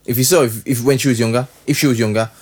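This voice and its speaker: A man talks in a London roadman accent, thick with street slang. His voice sits at a middling pitch, and he argues casually but emphatically, hammering phrases by repeating them. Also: steady tone, very fast, husky. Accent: London, urban street style. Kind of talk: casual, opinionated chat.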